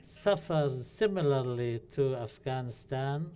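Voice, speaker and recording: A man from Syria, an audience member asking a formal, halting question into a handheld mic in a lecture hall. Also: mid-range voice, animated, mellow, slight background noise. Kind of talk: question from the floor.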